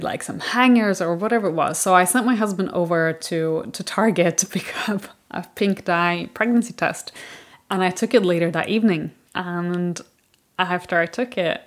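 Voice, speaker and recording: A woman from Ireland hosting a podcast, telling a personal story in a candid, chatty way with plenty of fillers. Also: lowish voice. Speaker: podcast host.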